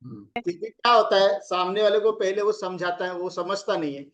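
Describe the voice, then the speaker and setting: High-voiced man giving relationship advice. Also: expressive, brisk, fairly bright tone. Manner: explains with acted examples of angry phrasing. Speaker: relationship coach. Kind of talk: casual advice talk.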